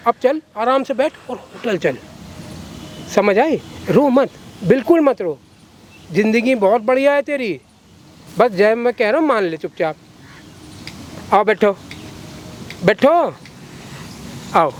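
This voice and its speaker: A man's voice: very high voice, animated, slow pace, pauses often, a little hiss or hum, full character voice. A man playing a corrupt, coercive lawyer who talks down to a girl in a coaxing, threatening way. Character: corrupt scheming male lawyer, menacing and coercive. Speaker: villain in a short film.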